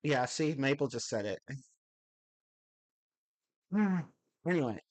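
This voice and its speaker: A young man speaks slowly in a high-leaning, expressive voice, a bit off since he's getting over a cold. Chatting casually on a live stream, he reads chat messages and replies, rambling, catching and correcting himself, and swearing casually.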